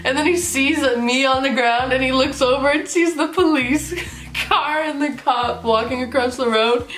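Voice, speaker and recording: Giggly young woman doing a storytime vlog, kinda high voice, echoey room w faint music. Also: moderate pace. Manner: giggly, laughs through the story, heavy use of "like"; acts out other people's lines in animated voices. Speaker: vlogger telling a story. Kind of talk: casual storytime while getting ready.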